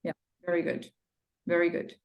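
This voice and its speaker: A woman with a Brazilian Portuguese accent, patiently teaching an English lesson and drilling pronunciation. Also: measured pace. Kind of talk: one-on-one language lesson. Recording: roomy echo.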